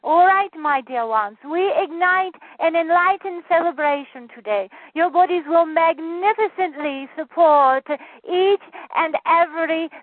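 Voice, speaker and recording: A woman's voice: extremely high pitch, measured pace, no echo, pitched above the performer's own voice. A woman voicing a benevolent channeled spirit guide, giving solemn, repetitive, incantatory commands to her listeners. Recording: tinny phone-line sound, dry.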